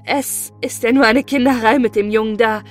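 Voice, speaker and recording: Woman playing a shrill old apple seller. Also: fairly even intonation, normal speed, soft background music, lightly acted. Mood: softened. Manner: loud, scolding, shrill. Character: scolding old female apple seller, softens.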